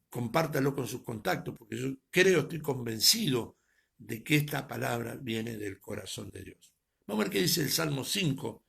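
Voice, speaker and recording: A man preaching, his voice heavily gravelly and husky. He swells to loud, emphatic peaks, then lets words drop to a near murmur. His pitch sits in an ordinary middle range. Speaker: pastor. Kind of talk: sermon. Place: preaching to an online audience.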